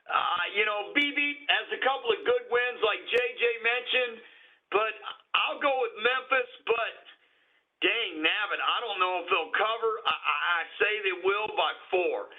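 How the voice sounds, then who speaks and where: A man's voice: high voice, normal speed. A man hosting a casual sports talk show, making picks in a folksy, rambling way with lots of laughs. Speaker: sports radio host. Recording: phone-line audio.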